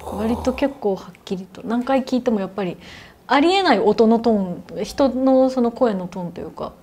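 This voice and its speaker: A young adult woman telling a ghost story in conversation, her voice soft and hushed, at times sinking to near whispers. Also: on the high side, expressive, normal speed. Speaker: guest storyteller.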